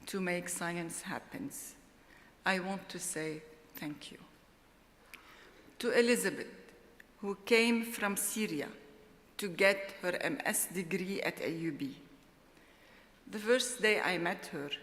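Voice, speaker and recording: A middle-aged woman gives a formal award acceptance speech at a podium microphone, in a slow, deliberate and heartfelt way. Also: fairly low pitch, a bit bright. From Lebanon. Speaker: award laureate. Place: large ceremony hall. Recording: long hall reverb.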